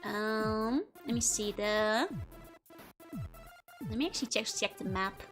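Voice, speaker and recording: Over music, a woman with a Dutch accent chats casually with her live stream viewers, giggling often and rambling with lots of fillers. Her voice is mid-range and her pace slow.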